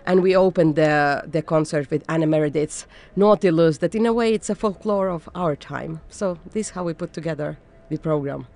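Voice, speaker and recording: A woman conductor from Finland, answering interview questions thoughtfully and pausing often with fillers. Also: low voice, a little mellow. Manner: thoughtful, searching for words with frequent fillers. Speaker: orchestra conductor.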